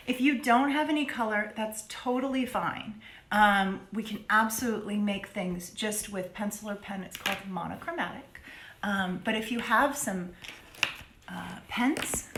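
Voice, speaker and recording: High, slow-talking woman teaching kids to draw. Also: a bit bright. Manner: upbeat, sings and chatters to viewers. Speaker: drawing teacher and host. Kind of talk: live online drawing class for kids. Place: home studio. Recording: echoey room, faint noise.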